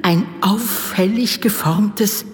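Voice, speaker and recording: An actress playing a devoted, superstitious castle nurse, imploring and solemn in archaic speech, in a gothic audio drama. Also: female voice, medium pitch, slow, natural voice. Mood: dread. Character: fearful, pleading old-fashioned castle nurse, devoted and superstitious. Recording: long reverberant hall.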